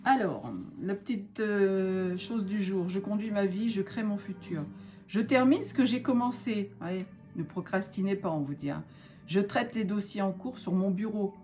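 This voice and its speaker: A woman's voice: medium pitch, normal speed, a little mellow, faint music behind. A woman giving a spiritual card reading, chatty and encouraging, with many fillers and restarts. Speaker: card reader.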